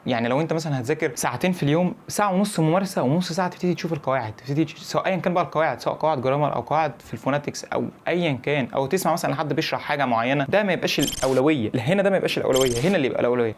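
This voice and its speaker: Rapid-fire Egyptian man giving advice. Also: a little high. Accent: Egyptian Arabic. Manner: rapid, animated, repeats points and checks in with "فاهم؟". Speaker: English-learning YouTuber. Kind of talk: casual direct-to-camera advice.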